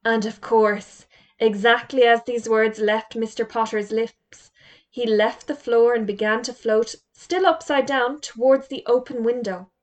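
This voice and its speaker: Lady reading a kids storybook out loud, fairly high voice, expressive. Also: a little slow. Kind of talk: storybook read-aloud.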